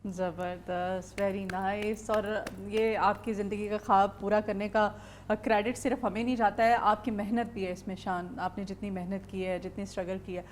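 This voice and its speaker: A woman hosting a morning TV show, prompting a guest with lively questions. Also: mid-range voice, hardly any pauses, a little hiss or hum. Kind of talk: TV talk show interview.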